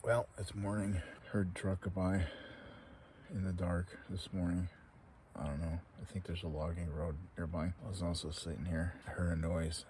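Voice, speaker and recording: A man with a deep, low voice narrates a solo camping vlog. He muses casually and without hurry, as if thinking aloud. The recording is made outdoors, with light ambient noise behind him. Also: a little mellow. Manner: unhurried, musing, talking to himself. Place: outdoors at a woodland campsite and in a tent.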